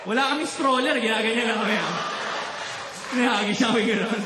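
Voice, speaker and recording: A man's voice: extremely high pitch, brisk, roomy sound, heavy background noise. A man from the Philippines doing a stand-up comedy routine, telling stories and teasing the audience. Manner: animated storytelling, teasing the crowd.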